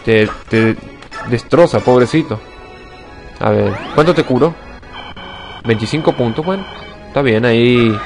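A young man giving casual let's-play commentary, excitable and swearing, shouting when attacks miss. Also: medium pitch, a little slow, long pauses, faint music behind. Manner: excitable, swears a lot, sudden shouts at misses. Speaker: gaming channel host.

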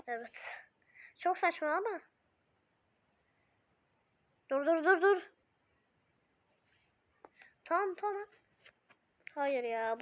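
A woman who is sick and coughing, giving excitable, sarcastic casual commentary while playing a mobile game. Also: high voice, dry recording, muffled recording. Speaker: gamer streamer.

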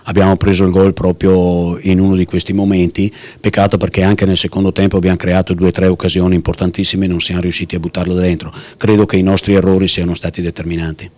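A man's voice: deep voice, little pitch movement, darkish tone. A man in his fifties, a football coach in a post-match interview, talking firmly and with frustration into a handheld mic. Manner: firm and frustrated, quick emphatic lists. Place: in front of sponsor backdrop at a stadium. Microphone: handheld mic held by interviewer.

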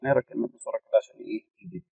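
A man's voice: medium pitch, expressive, very fast, creaky, darkish tone, breathy edge, no room sound, muffled recording. A man with an Egyptian Arabic accent teaching an English vocabulary lesson to school students, reading word lists aloud and explaining each meaning.

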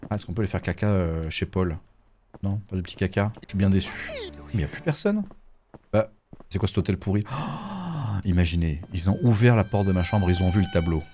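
A man commentating a horror game let's play in a jokey, animated way. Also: low voice, fairly quick. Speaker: gaming YouTuber.

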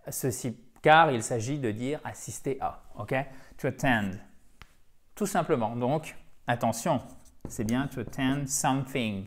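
Man, French native speaker, English teacher, video lesson, patient explanations, frequent repetition. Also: fairly high pitch. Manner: explains slowly, repeats words, checks in with "ok?".

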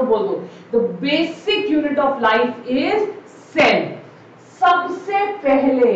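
A woman teacher giving a live online exam-prep biology class, mixing Hindi and English and drilling key points by asking questions and repeating the answers. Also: sits high. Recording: echoey, distant, dull mic with faint noise.

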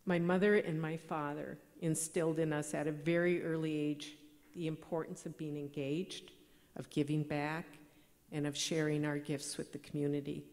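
A middle-aged woman, giving a measured, earnest award acceptance speech at a podium microphone in a large banquet hall. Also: low voice, darkish tone. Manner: measured, earnest, read from notes. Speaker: award recipient. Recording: long hall reverb.

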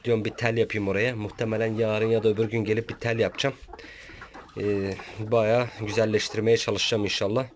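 Brief: man farm vlogger, lowish voice, chatty, coaxes and scolds his birds, poultry clucking behind. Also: level tone, brisk. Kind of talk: casual farm vlog narration. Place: outdoors at a small backyard farm. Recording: outdoor farm with audible poultry noise. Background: chickens and roosters clucking.

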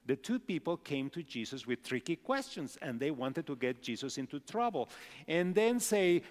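A man's voice: a little high, sing-song, normal speed. A middle-aged male pastor giving a children's message, asking the children simple questions. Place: large church sanctuary. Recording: long hall reverb.

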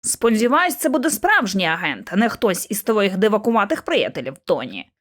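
A woman voicing a sneering young male rival agent in a lowered, scornful tone. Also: very animated, a little fast.

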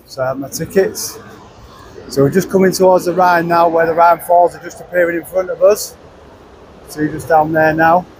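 A man's voice: a little high, fairly even intonation, moderate pace, noisy background. A man narrating a casual travel vlog outdoors. He talks chattily into a handheld camera, rambling with restarts. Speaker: travel vlogger. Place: outdoors at a car park and riverside path.

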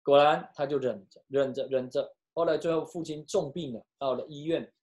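A pastor preaching and telling a story, switching between hushed and loud delivery, with some halting restarts. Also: medium pitch. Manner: emotional, with sharp swings from hushed to loud. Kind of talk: storytelling sermon.

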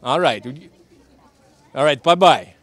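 A man acts out a jovial vampire count with a mock Transylvanian accent and a slightly high male voice. He is polite and reassuring, speaking in choppy foreign-style sentences as he hosts ad-libbed street interviews. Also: lively intonation, slow, no room sound. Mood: welcoming. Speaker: street host of a local TV Halloween show. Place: outdoors on a street.

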